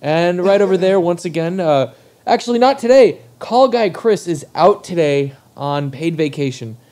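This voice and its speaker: A young man runs a casual comedy podcast, tossing out mock-formal jokes and the odd swear. His voice sits a little high but mellow. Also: expressive, normal speed. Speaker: podcast host.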